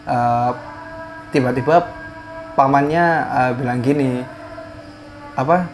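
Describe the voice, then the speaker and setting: A man's voice: mid-range voice, slow pace, faint music behind. Hesitant man telling a story. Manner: hesitant, many fillers and restarts. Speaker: guest storyteller. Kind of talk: casual spoken storytelling.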